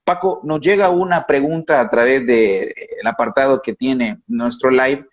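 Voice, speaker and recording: Husky man hosting a live interview. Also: mid-range voice, normal speed. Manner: polite, formal questioning. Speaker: host. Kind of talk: live-stream interview, asking questions. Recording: dull lo-fi live-stream audio.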